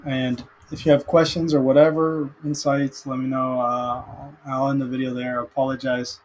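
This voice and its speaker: A man's voice: medium pitch, little pitch movement, normal speed, poor audio. Young male vlogger, casual and worn out, hesitant delivery, webcam audio with a faint hum. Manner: hesitant, many fillers and restarts. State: mentally tired. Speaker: aspiring day trader vlogger. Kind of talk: casual screen-share commentary.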